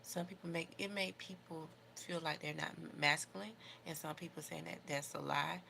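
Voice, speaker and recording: Her voice is low, creaky and sharp, with a steady tone at normal speed. She's an American livestream host doing her makeup, chatting in a rambling, opinionated, informal way over noticeable background noise.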